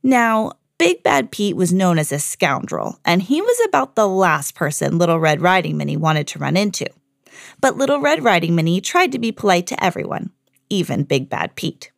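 A woman hosts a read-aloud podcast, narrating a scripted children's fairy tale with expressive storytelling. Her voice is on the low side and gravelly at a moderate pace, and the studio sound is clean with no echo.

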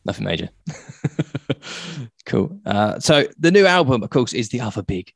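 A man's voice: medium pitch, very animated, normal speed, creaky, dry recording, clean studio sound. A man hosting a casual, chatty radio interview in an enthusiastic, jokey manner.

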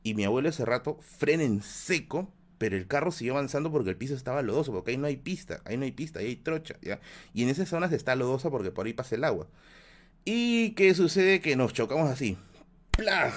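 A man on a live stream, telling a personal story in a lively, animated way, with spoken sound effects and a frequent "¿ya?" at the ends of lines. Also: mid-range voice.

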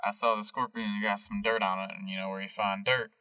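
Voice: low voice, level tone, quick pace, pushed and bright, distant mic, pitched below the performer's own voice. A game master voicing a nosy man who questions a greenhouse keeper in a casual, probing way.

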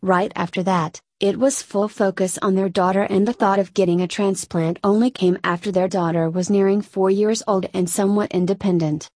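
This is a measured reading of a scripted feature story by a female narrator whose voice is mid-pitched, mellow, and easygoing. The audio is dry, without any sense of the surrounding space.

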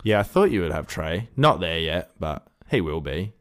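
A man's voice: low-pitched, sing-song, moderate pace. A man with an Australian accent in a casual sports chat, giving blunt, slangy opinions. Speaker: podcast co-host giving opinions.

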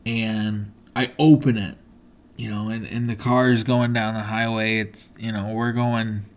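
A man's voice: on the low side, level tone, measured pace. A man hosting a podcast, telling a personal story in an earnest, motivational way, with many fillers and restarts. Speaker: podcast host.

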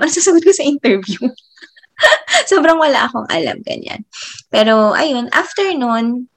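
A young woman with a slightly high voice tells a personal faith story to her viewers. She talks casually and laughs often. Many of her phrases fade into soft, quiet tag-offs. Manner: chatty, trails off softly after phrases, laughs often. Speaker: teacher. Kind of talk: casual faith testimony vlog.

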